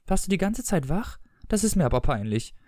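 A man's voice: high voice, big pitch swings, brisk, warm tone, no room sound, studio quality, voice pushed up. A man voicing a frail, scheming eighty-five-year-old wife with a politely scratchy voice, read in a German audiobook excerpt. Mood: flustered.

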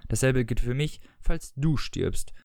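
A man voicing a frail, cool and scheming elderly husband with a dry, unhurried manner, in a German story reading. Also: medium pitch, lively intonation, creaky, darkish tone, no room sound. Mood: scolding.

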